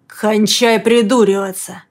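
Woman doing a hoarse, hissing enraged man. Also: medium pitch, steady tone, slow, darkish tone.

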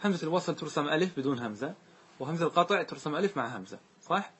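A man's voice: fairly high pitch, animated, racing, a bit bright, a little hiss or hum. A man teaching a grammar lesson, asking the class questions and repeating the answers to them. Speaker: teacher explaining grammar verses.

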